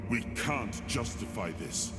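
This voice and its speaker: An actor playing a weary, principled king in a fantasy video game, speaking in a solemn, commanding and measured manner. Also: mid-range voice, animated. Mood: stern, weary. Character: weary, principled king, adult man, resolute and stern. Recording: long hall reverb under loud music.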